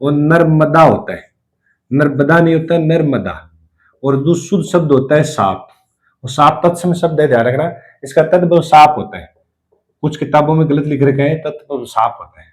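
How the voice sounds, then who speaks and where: A man's voice: a little high, animated, a little mellow. Man patiently teaching Hindi spelling. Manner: explains patiently, repeating each word slowly. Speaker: Hindi lecturer. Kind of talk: classroom lesson on correct spelling.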